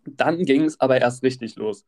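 Animated young man telling a wild story. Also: mid-range voice, moderate pace. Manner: acts out other people's lines in raised voices.

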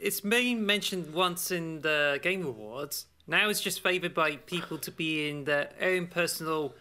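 A man co-hosting a gaming podcast in casual chat, pausing and searching for his words. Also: fairly high pitch, sharp tone. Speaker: podcast co-host.

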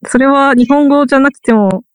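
With a high voice and a fairly quick pace, this English literature teacher from Ehime, Japan, talks in a relaxed, casual way. Her tone is wry, her sentences trail off as she hunts for words, and there's no echo.

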